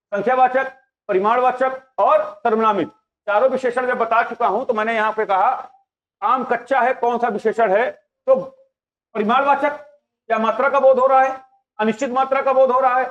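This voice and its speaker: A man's voice: very high voice, a bit bright. A male teacher giving a classroom lecture, quizzing his live students with repeated questions. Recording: dull lo-fi sound.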